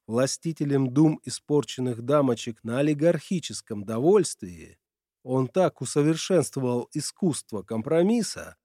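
A male narrator reading a novel aloud with measured, ironic storytelling. His tone is mellow and darker, and the recording is dry and close. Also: mid-range voice, no room sound. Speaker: audiobook narrator. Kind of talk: scripted narration.

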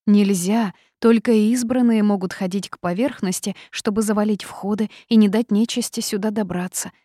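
A woman's voice: medium pitch, steady tone, normal speed, warm tone, no room sound, clean studio sound, pitched above the performer's own voice, natural voice. A woman voicing a devout, easily frightened young cave girl who speaks eagerly and fearfully. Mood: fervent.

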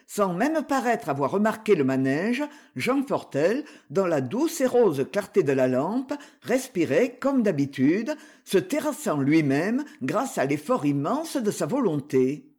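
Slow, expressive audiobook reader, husky. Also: mid-range voice. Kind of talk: literary audiobook narration.

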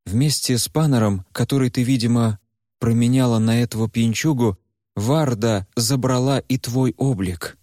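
A man voicing a protective male fire spirit in a measured, steady way. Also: mid-range voice, no room sound, clean studio sound, lightly acted. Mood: solemn. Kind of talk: audiobook character voice.

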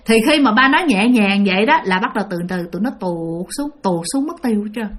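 A woman's voice: medium pitch, expressive, fast talker. A woman telling a ghost story in a chatty way, talking straight to her listeners. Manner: chatty, addresses listeners directly. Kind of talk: conversational ghost story narration.

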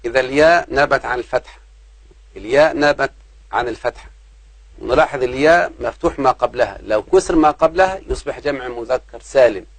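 A man's voice: medium pitch, breathy edge, no echo, poor audio. A man teaching a grammar lesson. He repeats key points and poses rhetorical questions to the class. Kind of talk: grammar lesson explaining a text.

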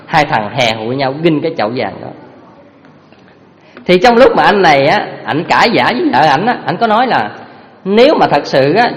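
Lively teacher. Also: male voice, fairly high pitch. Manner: lively, animated storytelling, addresses listeners directly. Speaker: Buddhist Dharma teacher. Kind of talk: storytelling sermon. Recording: reverberant hall.

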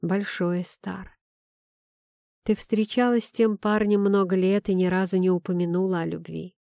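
A woman voicing a gentle middle-aged father who speaks softly and quietly to his daughter. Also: mid-range voice, fairly even intonation, normal speed, gravelly, no room sound, clean studio sound, natural voice.

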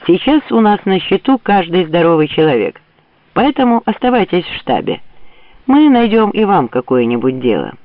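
A man voicing a brisk young lieutenant adjutant. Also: high-pitched, very animated, dry recording. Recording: tinny phone-like dry audio.

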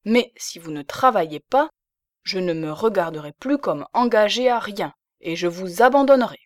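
A woman's voice: medium pitch, lively intonation, moderate pace, no echo, studio quality, lightly acted. A woman voicing a poor, proud and jealous spinster who speaks firmly and possessively. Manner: firm, bargaining, possessive.

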